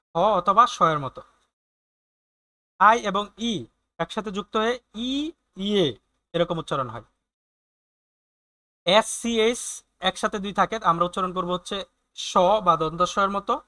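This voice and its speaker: Teacher: man, high bright voice, patient and halting, repeats sounds slowly. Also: clear, resonant tone. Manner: hesitant, many fillers and restarts. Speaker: German language teacher. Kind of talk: online language lesson.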